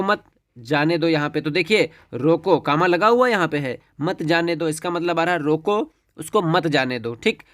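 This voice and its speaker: Male teacher, exam-prep lesson, slightly high pitch, dry close sound, methodical explanations. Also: no room sound. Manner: explains step by step, often says "ठीक है".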